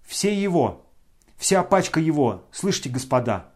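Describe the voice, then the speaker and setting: A man's voice: fairly high pitch, lively intonation, normal speed, a little mellow. A man reading an audiobook who voices a proud, reckless young woman, taunting and commanding those around her.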